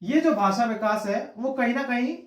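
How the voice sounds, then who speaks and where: A man's voice: very high voice, normal speed. A man teaching a class, who asks his own question and then repeats the key word as the answer. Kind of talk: classroom lecture. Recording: echoey room, distant mic.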